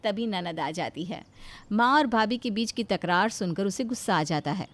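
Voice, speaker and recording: A woman narrating a cartoon story in an expressive storytelling manner. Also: mid-range voice, moderate pace.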